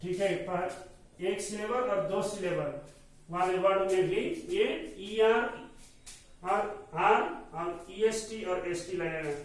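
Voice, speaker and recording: Male teacher, slow and repetitive, high voice; recorded from a distance in a very echoey room. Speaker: school teacher. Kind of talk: classroom grammar lesson. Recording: echoey room, mic far off, faint noise.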